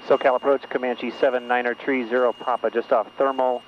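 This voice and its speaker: A man flying a small plane who calmly talks through his checklists and radio calls over a cockpit headset. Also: medium pitch, a little fast. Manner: calm, methodical checklist talk. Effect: pilot talking over a cockpit headset intercom. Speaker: private pilot. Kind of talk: narrating a flight and radioing air traffic control. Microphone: headset mic. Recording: muffled headset audio with faint engine hum.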